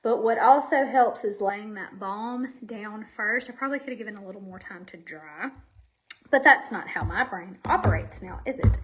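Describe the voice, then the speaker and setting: Speaking at a moderate pace with a medium-pitched voice, a woman hosts a home makeup live stream. She's casual, a little winded and rambling, addressing her viewers directly through the camera in front of her.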